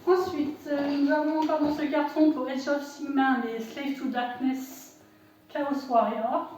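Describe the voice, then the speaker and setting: A woman's voice: high voice, fairly even intonation, measured pace, darkish tone, soft background music. A woman presenting an unboxing for her shop in casual commentary, hesitant, with many fillers and self-corrections. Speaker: shop owner unboxing products. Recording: echoey room, voice far from the mic.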